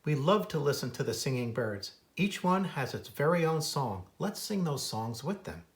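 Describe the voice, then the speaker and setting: Very animated and a little high-pitched, an American man reads aloud at normal speed from the children's book he authored. The naturalist weaves in informal remarks about wildlife and sings out imitations of bird calls.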